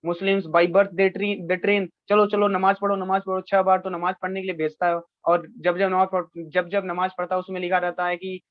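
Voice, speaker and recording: A man's voice: high voice, little pitch movement, moderate pace, few pauses, no echo. A man lecturing a youth class on scripture, earnest and pressing his listeners with rhetorical questions. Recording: dry, dull lo-fi sound.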